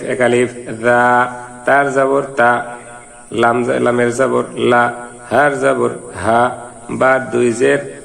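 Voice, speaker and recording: A man teaching Quran reading, spelling out syllables one by one and then chanting the verses in a drawn-out melody. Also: medium pitch, creaky. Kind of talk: slow step-by-step recitation lesson. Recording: long hall reverb.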